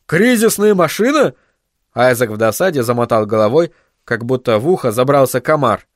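A man reading a novel aloud in steady, even scripted narration. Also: medium pitch, fairly quick, no echo, clean studio sound. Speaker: audiobook narrator.

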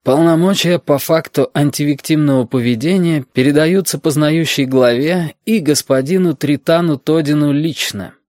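A man voicing a bearded chairman who speaks slowly and drily, weighing his words, in an audiobook. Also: mid-range voice, no room sound, pitched above the performer's own voice, natural voice. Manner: slow, weighing words, dry. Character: slow, authoritative bearded male chairman. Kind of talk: audiobook character voice.

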